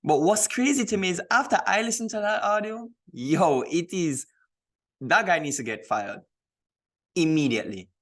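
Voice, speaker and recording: A man with a high-pitched, animated voice speaks at a moderate pace as a sports podcast co-host. In a casual discussion, he gives emphatic opinions and repeats points to stress them.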